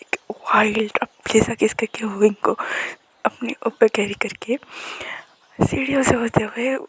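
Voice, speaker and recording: A woman narrating a story casually in a soft, breathy, half-whispered manner. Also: on the high side, steady tone, measured pace, no echo, low-quality recording. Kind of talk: casual fan-fiction narration.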